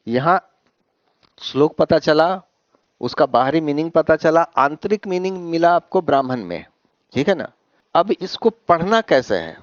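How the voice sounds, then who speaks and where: In a fairly high voice, a man teaches a classroom lecture in Hindi sprinkled with English words, constantly asking whether students are following. He poses questions, answers them himself and often tags on "है ना?"; the sound is dry, slightly dull and echo-free.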